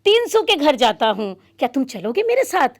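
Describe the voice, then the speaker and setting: A woman voicing a greedy, nosy young boy, loud and insistent. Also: high voice, very animated, moderate pace. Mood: frightened.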